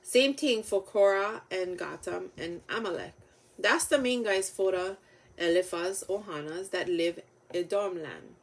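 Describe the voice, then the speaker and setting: A woman with a Hawaiian Pidgin accent reading Bible stories aloud, halting a little over the names. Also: lowish voice. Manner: halting over names, with stumbles and self-corrections.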